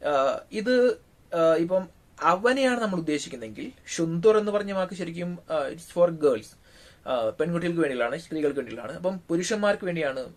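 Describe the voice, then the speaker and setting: A man with a Malayali accent giving a relaxed, casual spoken language lesson, pausing often on drawn-out fillers. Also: on the high side. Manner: unhurried, frequent drawn-out fillers. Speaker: language teacher.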